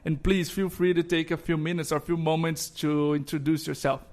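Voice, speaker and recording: A friendly male podcast host from Brazil with a slightly high voice. He speaks in a somewhat halting way and laughs often. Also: fairly even intonation, a little mellow. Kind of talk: podcast interview.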